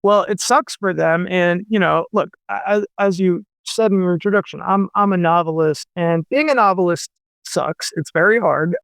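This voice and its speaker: A man's voice: sits high, normal speed, creaky, fairly bright tone, clear, resonant tone, no echo. A man in his forties, a novelist guest on a radio show, talking in a rambling way with many fillers and restarts. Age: 40s. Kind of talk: casual radio interview chat.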